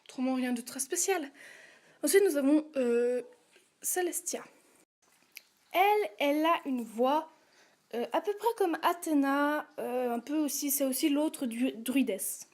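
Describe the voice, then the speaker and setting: A woman's voice: high-pitched, animated, measured pace, a little mellow. A woman hosting a casual casting-call video, listing characters and their voices with hesitant fillers and asides. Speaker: channel host casting voice actors.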